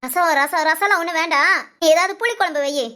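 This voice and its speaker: A woman's voice: extremely high pitch, brisk, pushed and bright. A woman voicing a bossy, scheming older mother-in-law in a cartoon, nagging and scolding, with Tamil village speech. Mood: grumbling. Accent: Tamil Nadu village speech.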